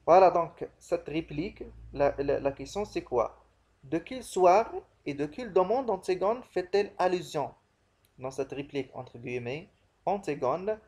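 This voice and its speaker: Higher-pitched male literature teacher. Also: a little mellow. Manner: didactic, repeats key phrases and questions. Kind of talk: lesson explaining a play through numbered questions and answers.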